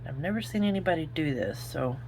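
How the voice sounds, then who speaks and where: A woman from Oklahoma hosts a craft video, chatting through the tutorial in her Oklahoma accent and thinking aloud as she works. Her low voice has a darkish tone and lively intonation, and she talks fast, with a little hiss or hum in the audio.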